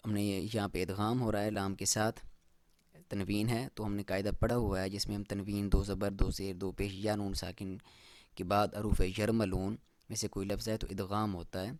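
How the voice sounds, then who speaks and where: A man teaching Quran recitation rules step by step. He explains each rule plainly, then recites the verse slowly in a raised voice. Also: on the low side, level tone, darkish tone, no room sound. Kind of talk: step-by-step tajweed lesson.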